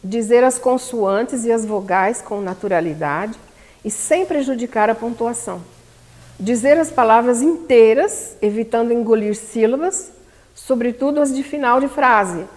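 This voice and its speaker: A woman's voice: a little high, darkish tone. A Brazilian woman teaching public speaking at a seminar, talking emphatically and asking the audience questions. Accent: Brazilian Portuguese. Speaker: lecturer at a spiritist center seminar. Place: community hall. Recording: long hall reverb.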